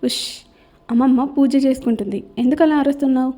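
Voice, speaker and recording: A woman's voice: sits high, brisk, dark tone, lightly acted. A woman voicing a bossy, cheeky young woman who gives commands and scolds in a storybook reading. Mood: scolding.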